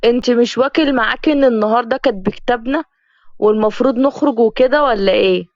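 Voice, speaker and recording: A woman's voice: on the high side, fast talker, no room sound, lightly acted. A woman with an Egyptian accent voicing a reluctant, irritated young groom in a storybook tale. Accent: Egyptian Arabic. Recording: dull, dry lo-fi recording.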